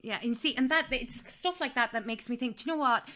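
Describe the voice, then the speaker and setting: A woman co-hosting a casual panel chat, wry and expressive. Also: on the high side, fairly quick.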